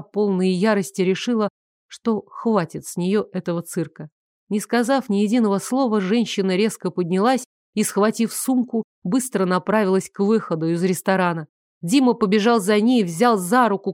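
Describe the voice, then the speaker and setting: Female audiobook narrator, steady storytelling, mid pitch, dry studio sound. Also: dry recording. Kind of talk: scripted narration of a romance novel.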